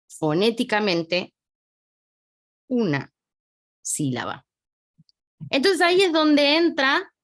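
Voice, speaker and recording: Argentine woman, language teacher, animated voice with a fairly high pitch, dry close sound, chatty explainer who turns away while writing. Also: no echo. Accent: Argentine Spanish. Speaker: French teacher. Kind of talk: online language lesson. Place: small home study desk.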